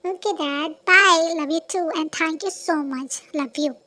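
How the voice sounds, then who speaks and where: A stubborn young woman in love, voiced by a reader putting her on, in a homemade spoken fan story. The voice sits very high and insistent. She begs, argues and refuses to back down. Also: very slow, exaggerated voice. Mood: pleading. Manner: pleading then shouting.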